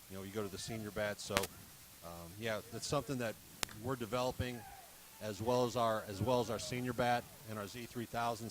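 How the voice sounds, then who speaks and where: A man representing a bat company, speaking in a casual broadcast interview and filling his talk with "you know" and "um". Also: mid-range voice. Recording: crowd noise behind.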